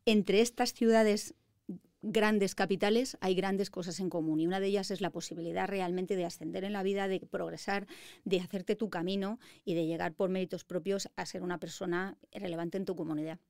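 A woman's voice: mid-range voice, fairly even intonation, normal speed, darkish tone, no room sound, clean studio sound. A woman in her fifties with a Madrid Spanish accent, a lawyer telling her story in an interview with confident, articulate ease. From Spain. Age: 50s. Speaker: guest, lawyer. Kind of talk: interview conversation.

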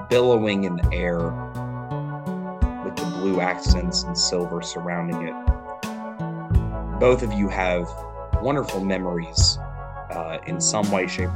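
A man runs a tabletop game as game master with descriptive narration. His voice is low and slow, over loud plucked-string music.

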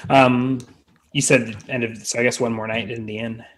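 A man plays a tabletop role-playing game, describing his moves in casual chat. His pitch is average, and he thinks aloud with a wry manner. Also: level tone, a little fast, a bit bright.

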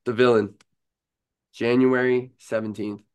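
A man's voice: medium pitch, little pitch movement, a little slow, a little mellow, smooth. A man hosting a casual interview podcast like a frat bro, full of hype, slang and casual swearing. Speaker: podcast host.

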